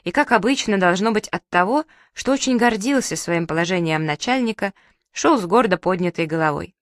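A woman reads a children's tale aloud at a calm, even pace. Her voice sits in a middle register. The recording is dry and close, with no room sound. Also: medium pitch, brisk, dry recording. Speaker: narrator. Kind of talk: storybook reading.

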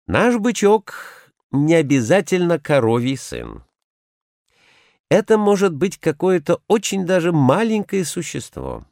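Expressive man narrating word history. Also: medium pitch, dry recording, clean studio sound. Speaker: language historian explaining word origins. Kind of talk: scripted educational narration.

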